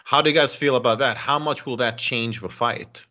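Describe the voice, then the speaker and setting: A man's voice: mid-range voice, moderate pace, pushed and bright. A man interviewing fighters, fluently and articulately putting conversational questions. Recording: dull, band-limited audio.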